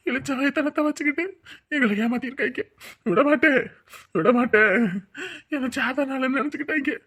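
A man's voice: extremely high pitch, pushed and bright, full character voice. An actor playing a middle-aged father who pleads tearfully with his son and threatens those who wronged him. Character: anguished middle-aged father, grieving then vengeful. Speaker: grieving father. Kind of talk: Tamil TV drama acting.

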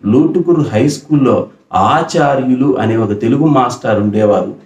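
A man's voice: mid-range voice, normal speed, a little mellow, muffled recording. A middle-aged man from Andhra Pradesh teaching pronunciation for singing, explaining patiently and singing short example phrases. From Andhra Pradesh, India. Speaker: music teacher. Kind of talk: pronunciation lesson with sung examples. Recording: roomy echo.

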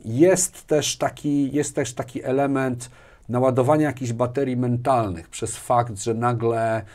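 A business executive in his forties, appearing as an interview guest, talks casually and often repeats phrases as he thinks aloud. His medium-pitched, darkish voice stays fairly even and unhurried. He wears a lapel mic in a small furnished indoor studio room with bookshelves.

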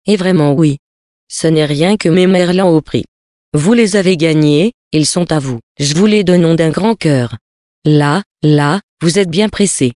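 A coarse market fishwife haggles and teases in brash slang, as a reader puts her on. The voice sits mid-pitch and sounds dry and close. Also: unhurried, darkish tone, no room sound, natural voice. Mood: teasing.

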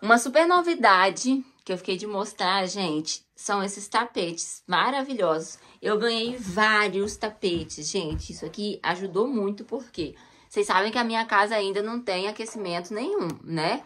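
Filming on a handheld phone, a female home vlogger walks through the cold stone basement of her house, chatting casually and pointing things out to viewers. Her mid-range voice is animated and fairly bright, at a normal speed.

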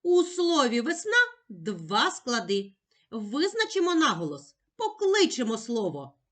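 A woman teacher giving a slow, carefully spoken lesson to a child, gently addressing the child and sounding out words and letters one by one. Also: fairly high pitch, wildly swooping pitch.

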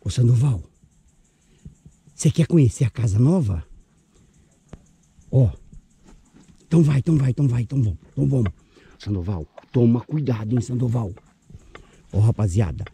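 A man with a Brazilian accent talks excitedly to his followers on camera, coaxing and calling out over and over. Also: mid-range voice, normal speed, long pauses, slight background noise. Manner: coaxing, repetitive, calls out often. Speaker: vlogger.

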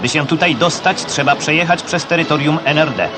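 A man narrating an old newsreel in a formal, measured, official tone. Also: a little high. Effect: old newsreel soundtrack. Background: loud music.

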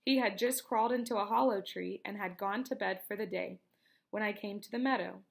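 A woman reading a novel aloud in a steady, unhurried storytelling manner. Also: medium pitch, vocal fry. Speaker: reader.

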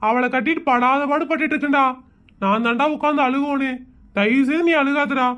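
A man with a fairly high voice. He mutters sarcastic, grumbling asides and mocks everyone around him in a comedy sketch. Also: brisk, sharp tone.

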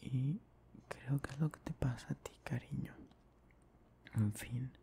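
A man's voice: medium pitch, gravelly, warm tone, a little hiss or hum. A young man playing an affectionate boyfriend in an ASMR whispered role-play, murmuring tenderly and breathily to soothe his partner to sleep. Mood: caring, reassuring. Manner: slow, tender, repetitive murmuring. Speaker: ASMR performer.

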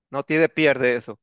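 A male English teacher with a Mexican Spanish accent, congested with a cold, giving a relaxed, chatty lesson with self-joking asides. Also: mid-range voice, clear, resonant tone, dry recording, muffled recording. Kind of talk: casual classroom lesson.

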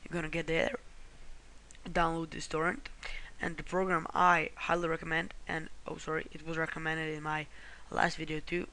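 This tutorial host, a Croatian man, talks through a screen-recorded walkthrough in a monotone at a moderate pace. His voice is on the high side and sharp, and he rambles, frequently apologizing and correcting what he said.

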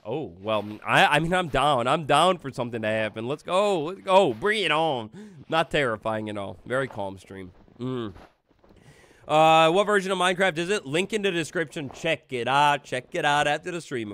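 A man's voice: mid-range voice, a bit bright. A man live-streaming a game, nervous and jittery, talking to his chat with many fillers and restarts.

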